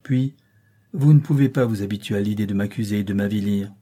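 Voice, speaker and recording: A man reading aloud and voicing a passionate, tormented middle-aged gentleman, in an impassioned, pleading manner. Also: lowish voice, brisk, natural voice.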